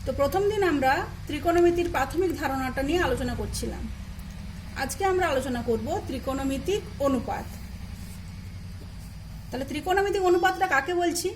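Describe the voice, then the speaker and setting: High-voiced Bengali woman teaching math. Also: expressive, fairly quick, long pauses, background noise. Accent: Bengali, from eastern India. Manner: patient, repeats key terms and spells them out; asks questions then answers them herself. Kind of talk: recorded classroom lesson.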